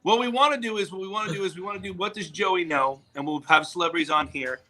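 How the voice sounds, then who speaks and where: A man in his forties hosting a casual chat, telling stories with lively acted-out quotes. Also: high-pitched, quick pace. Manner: animated storytelling, acts out quotes loudly. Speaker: host.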